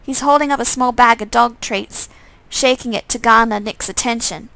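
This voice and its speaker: Gravelly woman reading a game aloud. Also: fairly high pitch, normal speed, dry recording, low-quality recording. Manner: steady second-person narration with small slips. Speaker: streamer reading a visual novel.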